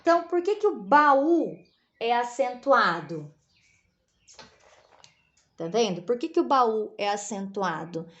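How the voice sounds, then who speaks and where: Brazilian woman teacher for a kids' lesson; animated and unhurried, keeps checking the class understands. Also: a little high, dull audio. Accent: Brazilian Portuguese. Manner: patient, explaining slowly with repeated checks like "né?" and "tá?"; spells out syllables one by one. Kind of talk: recorded classroom lesson for children.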